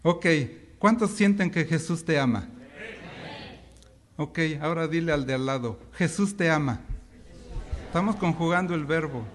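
A man's voice: on the high side, moderate pace. Man preaching with call-and-response. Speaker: pastor. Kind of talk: sermon. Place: church. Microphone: microphone.

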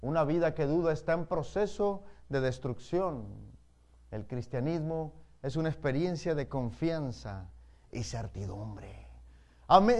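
A man's voice: fairly high pitch, dark tone. A male pastor preaching a sermon, telling stories and speaking emphatically to his congregation. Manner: storytelling, emphatic, addresses the congregation directly.

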